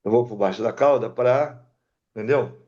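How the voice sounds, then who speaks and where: A man's voice: medium pitch, moderate pace, muffled recording. An older man from Brazil, an aircraft mechanic guest, telling stories in casual chat and acting out the dialogue. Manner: animated, acts out dialogue in the story. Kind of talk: casual storytelling.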